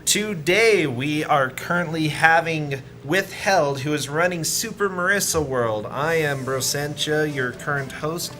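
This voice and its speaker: A man hosting a charity livestream marathon, reading donor messages aloud in a brisk, upbeat way. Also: a little high, bright, forceful tone. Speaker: marathon host reading donations.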